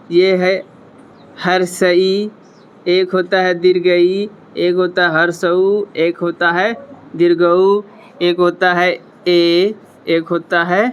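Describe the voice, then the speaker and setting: Slow, patient male English teacher. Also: sits high, fairly bright tone, slight background noise. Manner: slow, repeats words, asks and answers own questions; patient, encouraging learners. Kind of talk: whiteboard lesson explanation.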